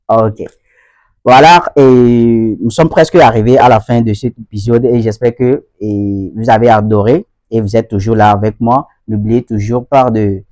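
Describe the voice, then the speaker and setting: Speaking straight to his viewers in a warm, medium-pitched voice, this English-learning channel host runs a casual video lesson. He goes over points repeatedly and keeps checking that people are following, and the recording has no room sound.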